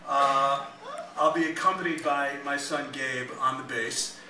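A man reading his own novel aloud at a live club event, with dry, deadpan asides. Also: mid-range voice, unhurried, very noisy. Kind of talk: live comic fiction reading. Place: small music club. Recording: echoey club, mic at a distance.

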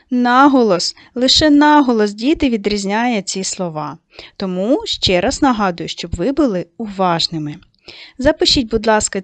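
A woman teacher giving a patient, slow second-grade lesson and stressing each word for young children. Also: medium pitch, dry recording. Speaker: primary school teacher.

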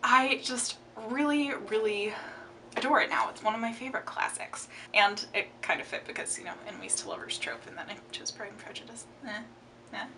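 In this casual book tag vlog recorded in her home room, a young book vlogger talks about her favorite books with lots of expression and plenty of gestures. Her voice sits a little high and moves fairly quickly, and the camera shows her upper body. Audio quality is poor, with a distant mic and some background noise.

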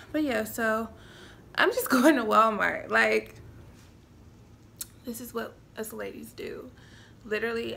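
Sassy chatty woman with gravelly voice. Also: medium pitch, sharp tone, a little hiss or hum. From United States. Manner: chatty, sassy, calls viewers honey. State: nasal congestion. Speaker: vlogger. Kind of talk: casual vlog chat. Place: at home.

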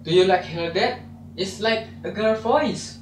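A woman's voice: medium pitch, a little slow, slight background noise, lightly acted. A young woman playing a lovestruck young male prince in an amateur school drama, reading her lines in an earnest, stiff way. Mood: searching. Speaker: student actor. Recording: echoey room on a phone.

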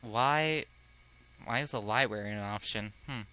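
A man's voice: lowish voice, a little slow, sharp tone, clear, resonant tone. A man casually commenting as he plays through a dating game, chatty and giggly. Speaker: let's play host.

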